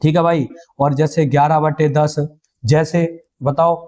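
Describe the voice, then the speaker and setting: Mellow-voiced man drilling a maths class. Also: fairly high pitch, flat delivery, normal speed. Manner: call-and-response drilling, asks then answers himself; calls students "beta" and "bhai". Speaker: maths teacher. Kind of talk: exam-prep maths lesson.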